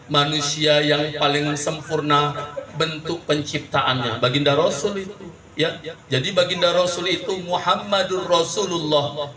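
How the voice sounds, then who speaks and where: High-voiced joking Indonesian preacher. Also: male voice. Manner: lively and joking, often calls out to the women in the audience. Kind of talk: humorous sermon to a live audience. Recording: echoey room, mic from a distance. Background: audience murmur and laughter.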